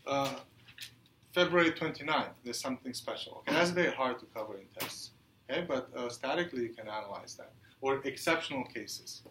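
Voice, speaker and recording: A man's voice: fairly high pitch, bright, forceful tone, slight background noise. Man lecturing in an echoey hall. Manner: halting, many fillers, asks the class questions. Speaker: university lecturer. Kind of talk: classroom lecture.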